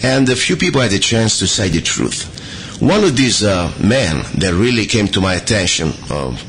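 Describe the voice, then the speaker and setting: A middle-aged Italian man with an Italian accent hosts an opinionated talk radio show, speaking earnestly but haltingly with lots of fillers and restarts. His fairly low, slightly bright voice is very animated, and there's a little hiss or hum.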